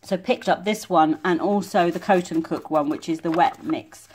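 A woman's voice: fairly low pitch, normal speed, a little mellow, a little hiss or hum. A middle-aged woman from the States chatting casually through her grocery haul in a home kitchen, rambling with lots of ums. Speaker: vlogger doing a grocery haul. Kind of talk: casual chat over products.

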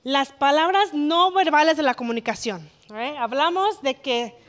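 A woman's voice: high-pitched, unhurried. A woman leading a workplace communication workshop, earnest and often checking that the group agrees. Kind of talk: instructive workshop talk to a group.

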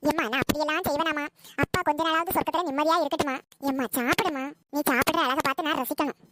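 Woman doing a sweet-talking sneaky daughter, really high voice, noisy recording. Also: fairly even intonation, very fast, close to an everyday voice. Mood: coaxing. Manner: wheedling, pleading. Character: coaxing, scheming adult daughter. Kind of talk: comedy skit acting.

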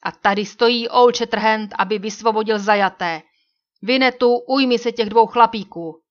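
A woman's voice: mid-range voice, a bit bright, muffled recording, close to an everyday voice. A woman voicing a bold, commanding male frontier hero who gives firm orders.

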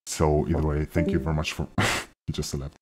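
A man's voice: flat delivery, moderate pace. A man in a gaming voice chat talking through a clangy robotic voice changer, mockingly taunting a teammate he has betrayed. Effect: deep robotic voice changer. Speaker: gamer teasing a teammate.

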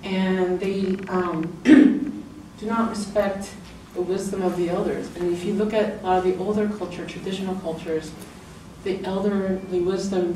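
Her tone is warm. She's a middle-aged English speaker giving a casual, laughter-filled book talk indoors in a lecture room, lifting her voice to perform quotations, recorded from afar by a camera that picks up room echo and noise.

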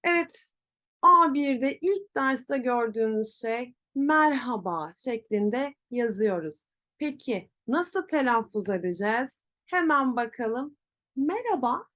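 A young woman teaching pronunciation, modelling each word slowly and repeating it with corrections. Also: on the high side, lively intonation, bright, forceful tone. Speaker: Turkish language teacher. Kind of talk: slow, clear pronunciation lesson.

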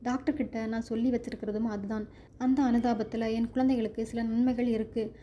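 A woman's voice: fairly high pitch, little pitch movement, brisk, mellow, a little hiss or hum, natural voice. A woman voicing a convict's wife, a guarded, protective mother who speaks firmly and defensively. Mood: weary. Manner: firm, defensive.

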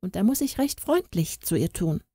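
A woman's voice: fairly low pitch, very animated, moderate pace, mellow, slightly rough, no room sound, exaggerated voice. A woman voicing a hypocritical housewife who gushes with sugary, overdone politeness in a storybook. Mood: annoyed. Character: scheming hypocritical housewife, gushing and false.

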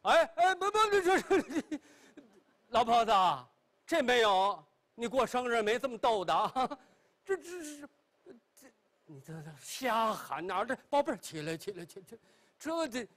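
A man's voice: very high voice, very animated, moderate pace, a bit bright, exaggerated voice. A man voicing a flustered, puzzled old father in a storytelling performance, stammering and grumbling.

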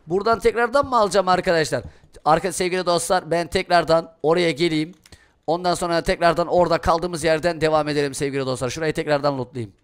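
A young man doing Let's Play commentary, excitable, cursing and shouting at the game. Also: fairly high pitch, fast talker, clean tone. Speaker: gaming streamer. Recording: noisy gameplay audio behind voice. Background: game sounds and ambience.

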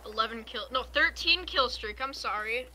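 A young man joking loudly while gaming with friends. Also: extremely high pitch, moderate pace, slight background noise, low-quality recording. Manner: loud, rowdy, joking. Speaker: friend on stream. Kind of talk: casual gameplay chat.

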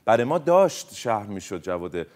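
Man accusing with lively swings. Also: fairly low pitch. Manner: accusing, emphatic, rapid-fire argument. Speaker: game player. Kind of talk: heated accusation in a mafia game.

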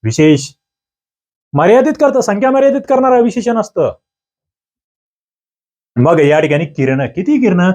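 A man teaching an exam-prep grammar lecture, lively and coaxing, asking students for answers. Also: high voice, a little slow, long pauses.

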